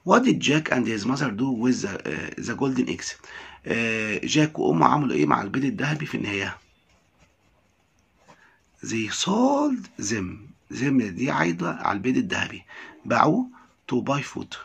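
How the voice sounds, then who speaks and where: Gravelly-voiced Egyptian man teaching English. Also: medium pitch, expressive, a bit bright. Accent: Egyptian Arabic. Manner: reads English lines slowly, then explains them in quick Arabic. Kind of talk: textbook lesson explanation.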